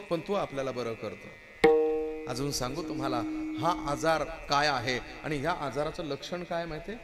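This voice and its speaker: A man performing a devotional kirtan. He tells a story in an animated, theatrical way and jokes with the sound crew. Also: a little high.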